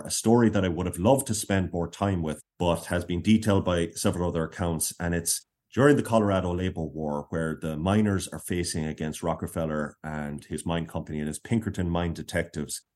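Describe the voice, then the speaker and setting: A man speaking as a guest historian in an interview, telling a story in measured, short phrases. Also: low-pitched, a little mellow. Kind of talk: explanatory interview talk.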